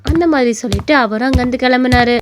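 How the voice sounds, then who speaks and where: A woman narrating a cartoon story in a plain, steady storytelling manner. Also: sits high, fast, faint music behind.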